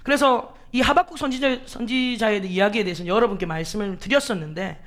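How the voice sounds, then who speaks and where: A woman's voice: mid-range voice, fast. A woman pastor preaching a sermon, emphatic, asking the congregation rhetorical questions and acting out quoted pleas with drama.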